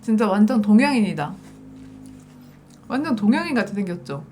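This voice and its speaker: A woman's voice: mid-range voice, big pitch swings, fairly quick, a little mellow, a little hiss or hum. A woman from South Korea chats casually and playfully to viewers as the host of an eating show. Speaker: mukbang host.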